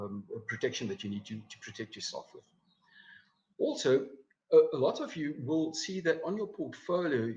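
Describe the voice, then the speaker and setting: A man, a financial advisor, giving a live presentation over slides, with many fillers and repeated words. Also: medium pitch. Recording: dull lo-fi recording.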